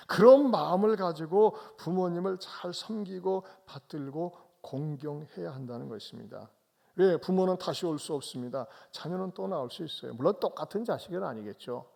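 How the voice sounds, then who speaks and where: A male pastor preaches a Sunday sermon in a church. His voice is gravelly and sits slightly high for a man. He tells a story dramatically and keeps asking the congregation rhetorical questions. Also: darkish tone.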